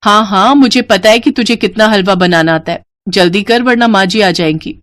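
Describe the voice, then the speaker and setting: A woman voicing a kind young sister in a cartoon story, brisk and reassuring. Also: medium pitch, a bit bright, natural voice.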